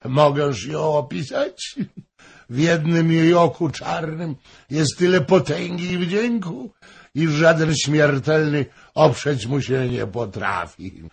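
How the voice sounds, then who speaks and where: A man voicing a drunk, boastful male courtier who gushes loudly. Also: a little high, slow pace, gravelly, slightly rough, voice pushed up, full character voice. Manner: exclaiming, gushing.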